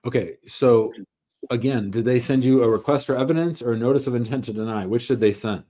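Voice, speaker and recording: A man's voice: medium pitch, a little fast, mellow. A middle-aged man hosting an immigration advice call-in show over a video call, methodically recapping the caller's facts step by step. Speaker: immigration lawyer and show host. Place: home office. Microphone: webcam on a video call.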